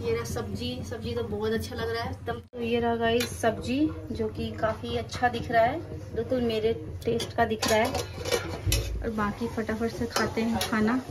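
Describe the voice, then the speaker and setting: A woman's voice: a little high, level tone, normal speed. A woman from India vlogging casually, chatting to viewers as she visits family. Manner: chatty, addresses viewers directly. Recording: music playing behind.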